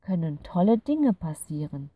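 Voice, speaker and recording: A woman's voice: on the low side, big pitch swings, a little slow, no echo, recorded from a distance, phone-quality sound. Woman voicing a kind, soothing fairy creature. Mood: gentle. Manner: patient, soothing explaining. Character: kind gentle fairy creature from a light dimension.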